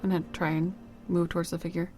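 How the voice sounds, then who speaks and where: A woman's voice: on the low side, little pitch movement, fast. A woman chatting casually as a player in a tabletop game, describing her moves and asking questions. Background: background music.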